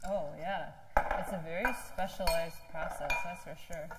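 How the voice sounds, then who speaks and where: A woman's voice: lowish voice, steady tone, moderate pace, heavy background noise. A woman co-hosting a cooking show, chatting easily and laughing along in casual banter. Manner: easygoing, giggly banter. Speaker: co-host. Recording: kitchen clatter of dishes.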